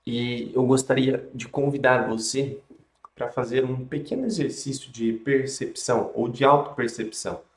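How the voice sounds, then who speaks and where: A man with a Brazilian accent teaching yoga and meditation on a live stream, speaking in a gentle, calm, instructional way with unhurried pauses. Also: mid-range voice, echoey room. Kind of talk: calm instructional talk and guided relaxation.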